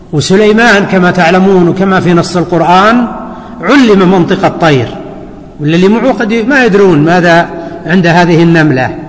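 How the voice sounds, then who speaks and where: A man teaching a hadith lesson as a scholar, deliberate and repeating key words for his students. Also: sits high. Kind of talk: classroom commentary lecture. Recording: long hall reverb.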